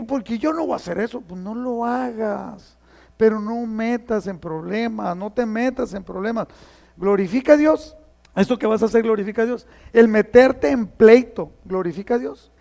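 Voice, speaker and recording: A man's voice: high voice, a little mellow, big-room sound. A man preaching a conversational sermon in a church, asking the congregation questions as he reads scripture. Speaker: pastor.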